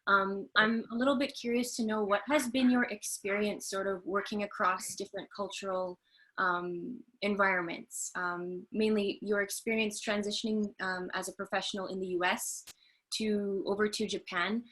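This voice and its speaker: A woman's voice: medium pitch, steady tone, normal speed, fairly bright tone. Canadian-born woman hosting a webinar. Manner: polite, frequent um fillers. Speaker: host and trainer. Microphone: video call.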